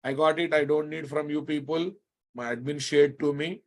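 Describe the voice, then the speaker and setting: A man's voice: a little high, fairly even intonation, normal speed, creaky. A man with an Indian accent lecturing a live online programming class, often repeating his phrases and checking that listeners follow. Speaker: programming instructor.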